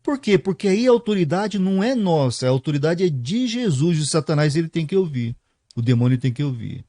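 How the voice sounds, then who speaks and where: A man preaching, his pitch rising and falling in a lively, animated way. His tone is warm and mellow, a little higher than most men's. The sound is dry and close. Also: brisk, no room sound. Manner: explains verse by verse with frequent "né?" tags and rhetorical questions. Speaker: pastor. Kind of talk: sermon explaining a Bible passage.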